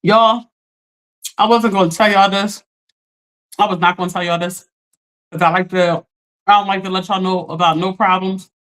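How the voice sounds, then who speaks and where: A woman hosts a casual livestream, chatting directly to her chat with animated jumps in pitch while her voice is still recovering after she lost it. She speaks at a moderate pace with frequent pauses, and the recording is rough.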